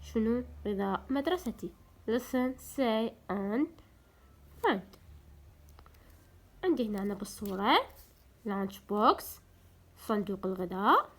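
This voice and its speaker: A young woman with an Iraqi Arabic accent teaching a recorded English lesson for young pupils. She explains in Arabic, says the English words slowly and clearly, and asks the children questions. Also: medium pitch, expressive, a bit bright. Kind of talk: recorded primary school lesson.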